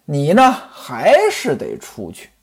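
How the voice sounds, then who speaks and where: A frail, kindly young wife on her deathbed, put on by a male storyteller, her voice lifted high and wandering up and down. She speaks softly with drawn-out particles, husky around the edges. A traditional storytelling performance. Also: wildly swooping pitch, full character voice. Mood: tender, resigned. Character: dying gentle young wife, kind to her servants.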